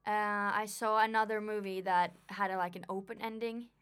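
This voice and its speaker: Bright-voiced rambling woman podcaster. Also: mid-range voice, little pitch movement, normal speed, smooth. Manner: chatty, rambling, many "like" fillers. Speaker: podcast co-host. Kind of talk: casual chat. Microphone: desk microphone.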